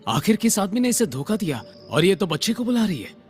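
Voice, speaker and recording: A man voicing a calm, gentle young husband who is secretly a rich company head, in a dubbed drama. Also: sits high, fairly quick, soft background music. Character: calm young male CEO posing as poor husband. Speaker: voice actor. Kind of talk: Hindi dub acting.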